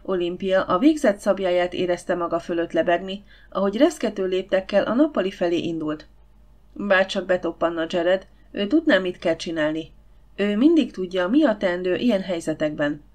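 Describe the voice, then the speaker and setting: A woman narrating a novel audiobook in a steady storytelling manner. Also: on the low side. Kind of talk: scripted narration.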